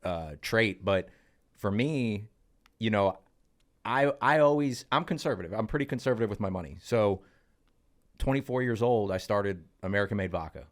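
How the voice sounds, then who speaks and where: A podcast co-host in his mid-thirties, with a fairly low voice, shares career stories in casual podcast chat over a studio mic. He's lively and talkative, speeding up in quick bursts and dropping in "uh" and "um."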